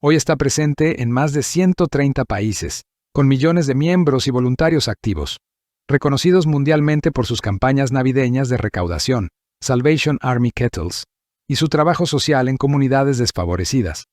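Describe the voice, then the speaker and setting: A man giving a scripted narration, reading through points in a measured, list-like way. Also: mid-range voice, lively intonation, a little mellow, no echo, studio quality.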